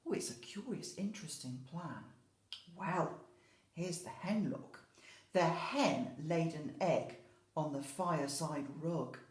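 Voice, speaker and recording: An infant school teacher tells a story to young children, speaking directly to them and explaining things simply. Her voice is low-pitched and animated, and she talks at a slow pace. The recording sounds roomy and echoey.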